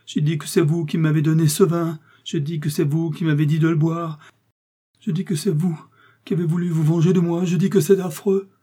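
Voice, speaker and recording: Poisoned soldier at death's door, read by a man: anguished, accusing, husky and dark. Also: little pitch movement, fairly quick. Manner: strained, high, pleading cries. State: agonized, accusing.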